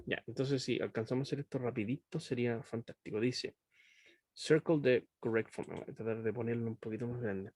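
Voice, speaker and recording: A man's voice: mid-range voice, fairly quick, darkish tone. A male teacher leads an online class through a computer microphone. He explains patiently, often stops to check understanding, and moves easily between two languages. His voice sits in a middle range, and the recording is dry with no room echo. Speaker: English teacher.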